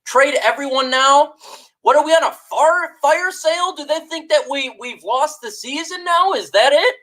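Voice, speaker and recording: A woman live-streaming a fired-up, exasperated rant to her chat, shouting out viewers between complaints. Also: high voice, normal speed, rough recording. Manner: reads out chat shout-outs.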